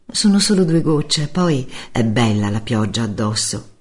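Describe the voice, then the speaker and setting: A man reading an audiobook, lightly voicing a calm, gentle young woman who is an old friend. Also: medium pitch, measured pace, pitched above the performer's own voice.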